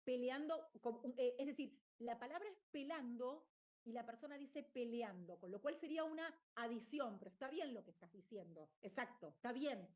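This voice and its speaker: A woman's voice: on the high side, lively intonation, moderate pace, a little mellow. A woman teacher, explaining a lesson and often checking in with her listeners. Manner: explanatory, checks in with "¿está bien?". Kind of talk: online lecture.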